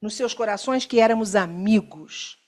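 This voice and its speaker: A Brazilian Portuguese-accented woman giving an academic workshop talk, wandering through fillers and self-corrections and checking in with the audience, slowing down to stress key terms. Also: medium pitch. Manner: discursive, many fillers and self-corrections, asks listeners "né?". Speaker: academic speaker. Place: lecture room.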